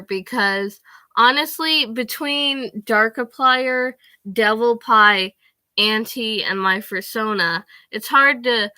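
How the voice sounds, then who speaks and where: A woman's voice: medium pitch, bright, forceful tone, no room sound. A teenage girl chatting casually to the camera from her bedroom, rambling with lots of fillers. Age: teens. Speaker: vlogger.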